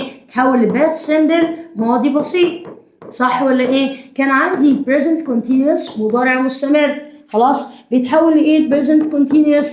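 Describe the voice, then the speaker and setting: Woman, Egyptian accent, teacher, high voice, slow dictation, frequent check-ins, echoey room. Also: a little mellow. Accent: Egyptian Arabic. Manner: dictates slowly, checks in with students often. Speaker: English teacher. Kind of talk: classroom grammar lesson.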